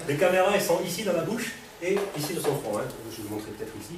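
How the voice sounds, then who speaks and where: Fairly high-pitched and very animated, a man with a cold rattles through a live robot demonstration for an audience in a hall. He keeps it casual, leaning on fillers and quizzing the room. The mic sits far away in an echoey space, picking up background noise.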